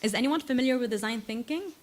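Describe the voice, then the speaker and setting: A woman's voice: on the high side, fast talker. Woman giving a tech talk. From Lebanon. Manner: frequent uh and um fillers, self-correcting restarts. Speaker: invited tech speaker. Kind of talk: conference talk to students.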